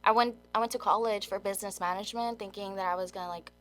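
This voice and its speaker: Fast-talking and a bit bright, she has a mid-range voice with fairly even intonation. She is in her twenties, grew up in Germany and South Korea as a military child, and talks informally as an interview guest, peppering everything with "like."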